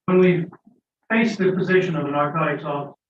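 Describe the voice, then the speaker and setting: Deliberate older American man, echoey and distant. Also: fairly high pitch, steady tone. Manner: deliberate, halting in short phrases. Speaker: doctor addressing a council. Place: echoey meeting room, away from mic. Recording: echoey room, distant, thin phone-like sound, noise.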